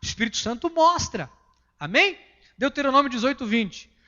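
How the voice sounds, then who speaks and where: Brazilian male pastor, high ringing voice, emphatic sermon, muffled lo-fi tape. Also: expressive, moderate pace. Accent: Brazilian Portuguese. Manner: emphatic preaching, swinging between loud and hushed.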